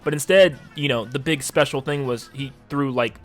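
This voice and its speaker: With music running beneath him, a man at a mid-range pitch and normal speed offers video essay commentary on games. He's a conversational reviewer whose delivery is casual, enthusiastic and emphatic.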